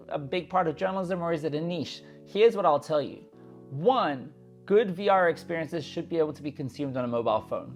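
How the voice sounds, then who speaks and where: A man giving an eager, conversational lecture to camera about journalism and talking straight to viewers. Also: a little high. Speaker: journalism instructor.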